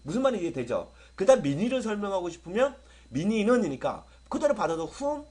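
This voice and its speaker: A middle-aged man from South Korea teaching English grammar to students, lively and often checking whether they follow. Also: high-pitched, fast talker, slightly rough. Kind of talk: lecture to students.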